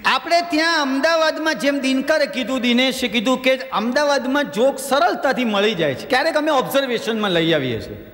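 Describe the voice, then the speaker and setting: A man telling stand-up jokes, slipping into quick character voices for the people in his stories. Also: very high-pitched, animated, a bit bright. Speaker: stand-up comedian. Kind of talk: stand-up joke telling in a stage show. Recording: long hall reverb.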